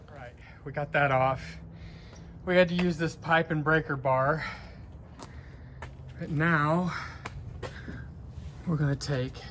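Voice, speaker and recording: A man's voice: medium pitch, sharp tone, slight background noise. A middle-aged man narrating a casual truck repair as he works, folksy and joking. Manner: folksy, joking, talks while working. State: out of breath. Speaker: vlog host doing truck repair.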